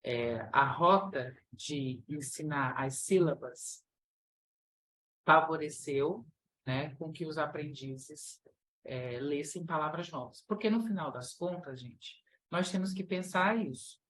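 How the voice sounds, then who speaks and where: A woman's voice: low-pitched, slow pace, a bit bright, rough recording. A woman with a Brazilian Portuguese accent giving a live lecture, chatty, often calling her audience "gente" and asking them questions. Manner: chatty, addresses audience as "gente", frequent fillers.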